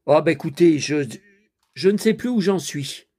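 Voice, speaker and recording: This vlogger sits on the high side, with an expressive, darkish voice at normal speed, and a little hiss or hum comes through. He chats casually while watching and reviewing a DVD. Flustered moments send him muttering to himself, and he keeps addressing his viewers with tag words.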